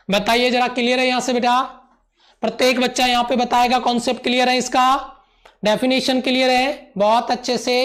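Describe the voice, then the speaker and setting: A man teaching a live online physics class, repeating each point and gently calling his students "beta". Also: very high voice. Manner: mixes English terms into Hindi.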